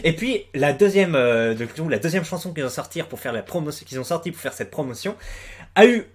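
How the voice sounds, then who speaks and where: A man's voice: a little high, lively intonation, a little fast. Hesitant young man commenting at home. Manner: hesitant, many fillers and restarts. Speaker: YouTuber commenting on a music video. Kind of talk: casual commentary. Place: room at home with the door closed.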